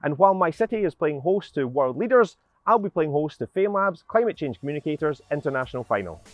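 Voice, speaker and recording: A man's voice: on the high side, big pitch swings, quick pace, muffled recording, soft background music. A Scottish man from Glasgow hosting an international science communication competition, with an upbeat, welcoming, scripted delivery. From Scotland. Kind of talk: scripted presenting to camera.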